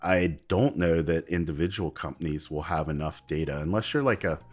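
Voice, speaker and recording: A very deep-voiced man co-hosts a tech podcast and works through his ideas out loud, restarting often. Faint music plays in the background. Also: fairly quick. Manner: thinking aloud, many fillers and restarts. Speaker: podcast co-host. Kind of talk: casual podcast chat.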